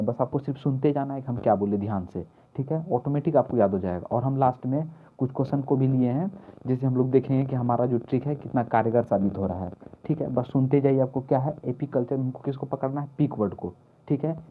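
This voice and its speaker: A man teaching exam mnemonics, repeating key words and asking questions he answers himself. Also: mid-range voice. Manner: repetitive, asks questions and answers them himself. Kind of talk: mnemonic lesson for exam prep. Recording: tinny phone-like lo-fi audio.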